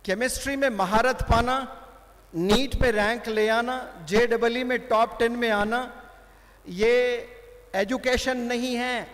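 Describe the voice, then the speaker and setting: A man's voice: very high voice, steady tone, slow pace, fairly bright tone. A man giving a motivational lecture to students, speaking emphatically and switching between Hindi-Urdu and English. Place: large hall with audience. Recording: reverberant hall.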